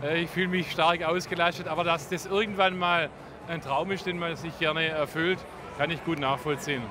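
An older man answers as an interview guest in a busy tent. His voice sits high for a man, and there is clear noise behind it. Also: fairly even intonation, fairly quick. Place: busy festival beer tent. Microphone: handheld reporter microphone held to him.

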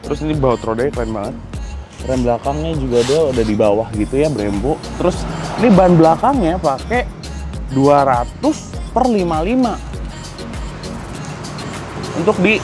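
Excitable young man, higher voice, music behind. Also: normal speed, pauses often. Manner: excitable, slangy, thinking aloud. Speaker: motorcycle vlog host. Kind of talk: casual walkaround review. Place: outdoor garage courtyard. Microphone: lapel mic.

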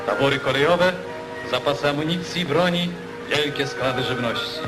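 A man's voice: fairly high pitch, normal speed. A man giving stirring, declamatory narration over an old newsreel soundtrack. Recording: newsreel voice over loud music.

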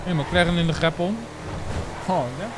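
A man's voice: high-pitched, level tone, normal speed, background noise. A young man in his twenties with a Netherlands Dutch accent, chatting casually and swearing as he streams a roleplay game to viewers. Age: 20s. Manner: chatty, slangy, swears often, talks to viewers.

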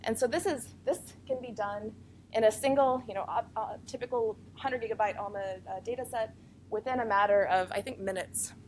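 A woman scientist giving a conference research talk, explaining fast and earnestly, with many fillers and self-corrections, over a microphone in a room with speakers. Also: fairly high pitch, a little hiss or hum. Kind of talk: academic conference presentation. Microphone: microphone feeding room speakers.

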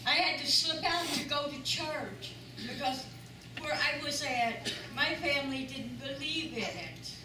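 Speaking at a measured pace in a voice that sits high, an older woman stands as a church member giving testimony, earnest and emphatic, repeating phrases for weight. The large sanctuary has an audience, and the recording is noisy and echoey, with her voice far off.

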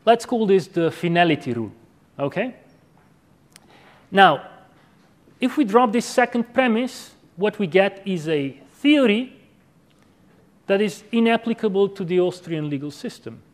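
High-pitched male lecturer, measured and didactic. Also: animated. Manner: measured, didactic, checks in with 'okay' and 'right'. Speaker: academic lecturer. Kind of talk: academic lecture, philosophical argument. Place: university lecture room with chalkboard. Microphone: clip-on lapel microphone.

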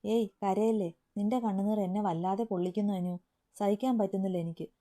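A woman reading the lines of a tender, devoted young man in a storybook romance, in a soft pleading way. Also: medium pitch, fairly even intonation, fairly quick, lightly acted.

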